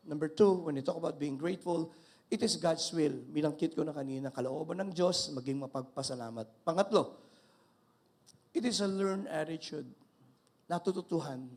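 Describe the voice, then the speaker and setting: Older man preaching with lively energy. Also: a little high. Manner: animated preaching, mixing Tagalog and English, call-and-response with congregation. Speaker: pastor. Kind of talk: sermon.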